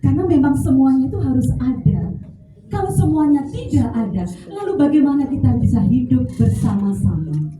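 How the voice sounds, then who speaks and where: A woman with a Javanese accent giving an animated, joking workshop talk to teachers. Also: high voice, normal speed, faint music behind. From Central Java. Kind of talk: lively lecture to an audience. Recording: echoey hall, mic at a distance, faint noise.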